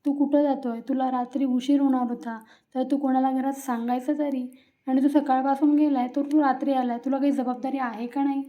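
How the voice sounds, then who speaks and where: A woman's voice: sits high, level tone, a little fast, natural voice. A woman voicing an angry pregnant young wife who scolds her husband, in a reproachful read-out tone. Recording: tinny phone-like sound.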